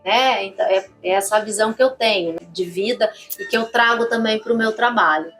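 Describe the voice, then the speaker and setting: A woman hosting a conversational interview, lively and chatty, inviting viewers in. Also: mid-range voice, brisk, soft background music. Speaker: host.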